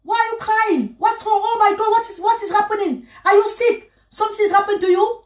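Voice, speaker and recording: A woman voicing a fussy, anxious neighbor lady in a high, excited voice. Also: normal speed. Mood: alarmed. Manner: high, excited, fussing questions. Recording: roomy, from a distance.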